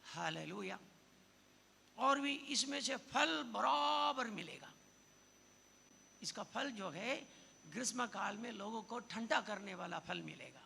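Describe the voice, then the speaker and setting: A male pastor preaching a sermon in a church, with repeated hallelujahs and sudden shouted peaks. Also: high voice, expressive, takes it slowly, vocal fry, long pauses. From southern India. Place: church hall. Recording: long church hall reverb with faint noise.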